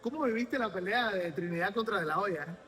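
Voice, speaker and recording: A man hosting a sports interview, lively and promotional, asking long questions. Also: high voice, brisk. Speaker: interviewer host.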